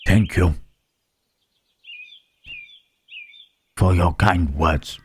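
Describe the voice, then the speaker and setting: A man voicing a gentle, melancholy monster in an ASMR roleplay, speaking haltingly and pensively in formal phrases with questioning hums. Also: fairly even intonation, exaggerated voice. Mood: grateful, tender. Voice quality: low, husky. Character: gentle, melancholy Frankenstein's monster, male, pondering his soul.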